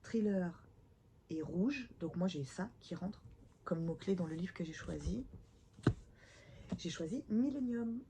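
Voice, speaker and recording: A woman with a hoarse, stuffed-up voice from a cold, chatting casually to camera in a self-deprecating, slightly awkward book vlog at home. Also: on the low side, animated, measured pace, long pauses, very noisy. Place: at home, indoors.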